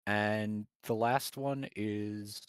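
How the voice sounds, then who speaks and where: A giant of a man talks over his week in a low, unhurried ramble full of small hesitations, as a man puts him on. The voice sits very deep and close, with a dry sound and no room around it. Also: steady tone, clear, resonant tone, dry recording. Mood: reflective. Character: male giant adventurer reporting to a spirit.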